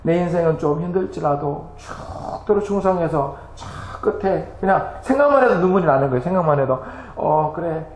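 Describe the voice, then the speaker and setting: Man, missionary giving an emotional church report; higher pitch, echoey sanctuary. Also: brisk, few pauses. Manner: animated, laughing and tearful, exclaiming.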